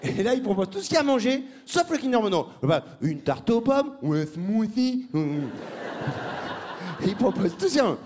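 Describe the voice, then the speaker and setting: A man doing a stand-up style comic monologue, mocking and laughing, breaking into squeaky put-on voices. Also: very animated, moderate pace, background noise. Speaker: stand-up comedian.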